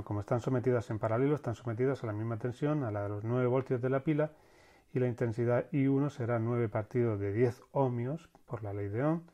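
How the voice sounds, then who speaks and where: Speaking at medium pitch with a dark tone, a man walks through electrical circuits one step at a time in a screen-recorded technical lesson, with the occasional filler and restart.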